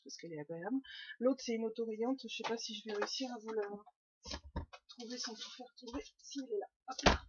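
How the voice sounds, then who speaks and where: A woman's voice: medium pitch, breathy edge, dry recording, lo-fi sound. A woman hosting a knitting podcast, chatting casually to her webcam at home, rambling with lots of fillers and restarts. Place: home room.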